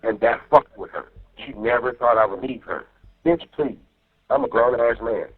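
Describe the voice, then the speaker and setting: At a moderate pace and in a mid-range voice, an incarcerated man vents to his partner by phone in a casual, profane way. He wanders from point to point, checking he's understood with "you know what I mean," over a muffled jail line with faint music.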